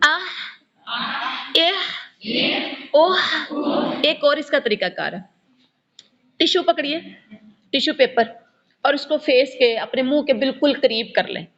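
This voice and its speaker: A woman with a fairly high voice teaches Quran pronunciation, sounding out each letter slowly and repeating it for her pupils. She checks whether they follow as she goes. The recording is dull and lo-fi. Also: lively intonation. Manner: patient, instructive, asks pupils questions. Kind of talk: tajweed pronunciation lesson.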